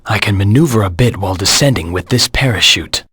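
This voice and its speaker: Game character: brooding, self-assured hedgehog anti-hero. Heavily rasping low voice, deliberate and serious. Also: male voice, animated, fairly bright tone, dry recording, clean studio sound, heavily acted. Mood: stern, matter-of-fact. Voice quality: raspy, gravelly. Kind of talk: video game hint voice lines.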